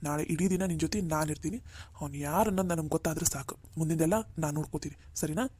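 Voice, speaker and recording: A woman voices a firm, caring older brother in a cartoon, reassuring his sister again and again and repeating "all right?" Her low, dark-toned voice races along, lightly acted, with a little hiss or hum.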